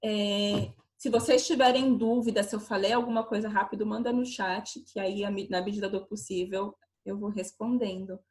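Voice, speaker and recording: A woman's voice: medium pitch, steady tone, moderate pace, few pauses, darkish tone. A woman giving an online lecture over a video call, explaining with many rhetorical questions.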